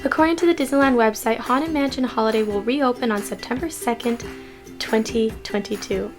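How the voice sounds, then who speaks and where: Speaking briskly but keeping her voice lowered and quiet, a young vlog host from California reads news articles aloud from her messy bedroom, occasionally stumbling over words. Background music plays under her voice, and a desk mic sits in the corner of the frame.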